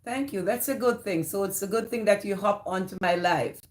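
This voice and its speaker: Her voice is medium in pitch and moderately paced. A Jamaican-accented woman hosts an easygoing livestream, greeting each viewer by name and answering what they write.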